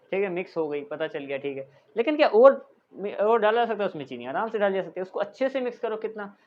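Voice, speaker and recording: A man teaching a school science class, talking the students through each step and pausing to dictate definitions as he writes. The recording sounds a little dull and muffled. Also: high voice. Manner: explanatory, repeats "thik hai" as a check-in; dictates English definitions slowly while writing. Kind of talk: classroom lecture.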